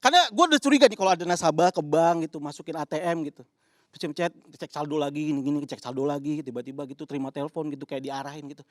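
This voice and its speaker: A man's voice: a little high, very fast, dry recording, clean studio sound. A male comedian doing a punchy stand-up set, acting out characters in his bits.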